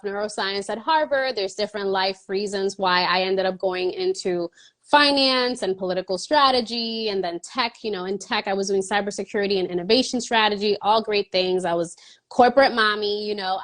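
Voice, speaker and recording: Her medium-pitched voice is a bit bright. She is a woman in her thirties from the Dominican Republic, a guest in an interview, replying earnestly and at length with small laughs sprinkled between phrases.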